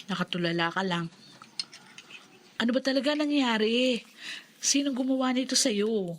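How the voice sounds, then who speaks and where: A caring woman friend played by an actress in an old-style radio drama, insistent and fussing. Her mid-pitched voice sits over faint background ambience. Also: a bit bright, slight background noise, close to an everyday voice. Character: caring, insistent female friend tending the injured.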